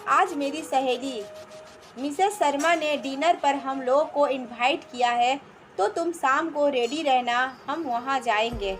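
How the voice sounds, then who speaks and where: A woman's voice: sits high, unhurried, slight background noise. A woman reading the lines of a strict, bossy middle-aged mother-in-law who scolds her daughter-in-law, in a storybook narration. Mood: scolding. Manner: commanding, scolding.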